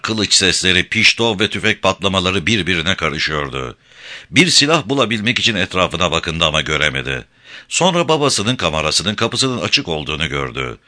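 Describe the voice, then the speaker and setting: A man narrating an adventure audiobook in a measured, expressive reading. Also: deep voice.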